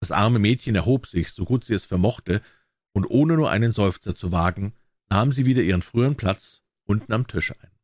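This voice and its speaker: A man's voice: lowish voice, lively intonation, a little fast, darkish tone, no room sound, studio quality. A man reading a classic short story aloud, telling it expressively. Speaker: reader.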